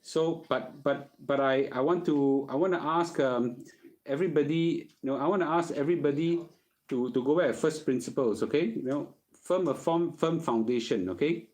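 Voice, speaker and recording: A middle-aged Singaporean man hosts a personal finance Q&A, answering casually in colloquial Singlish and often checking in with "okay?". His voice is on the high side and a little mellow, at normal speed.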